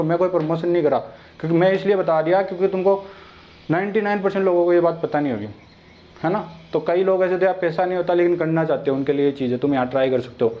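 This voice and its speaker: Young man, online tutor, chatty and direct, high voice, flat delivery. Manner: chatty, addresses viewers directly and familiarly. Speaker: online exam-prep teacher. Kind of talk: casual informal lecture. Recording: dull lo-fi sound.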